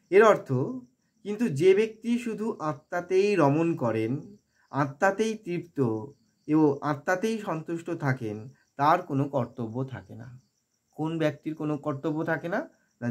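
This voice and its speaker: A man teaching verse recitation, chanting syllables in a drawn-out way and then explaining them plainly and patiently. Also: on the high side. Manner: patient, repeats syllables for listeners to copy.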